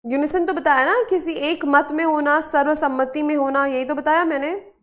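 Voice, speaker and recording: A woman's voice: high-pitched, fairly even intonation, normal speed. A woman teaching an online spelling and vocabulary class, mixing Hindi with English words and coaxing students by repeating each question and answer.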